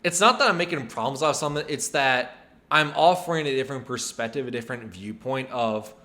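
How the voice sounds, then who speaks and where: A man's voice: medium pitch, brisk, sharp tone. A man commenting casually on a live stream, rambling and hedging with lots of fillers. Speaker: streamer reacting to a video.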